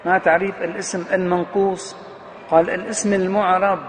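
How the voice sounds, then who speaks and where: High-voiced man lecturing in a reverberant hall. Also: level tone, a little fast. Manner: poses questions to students and answers them himself. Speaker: grammar professor. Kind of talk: classroom lecture. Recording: long hall reverb with faint background noise.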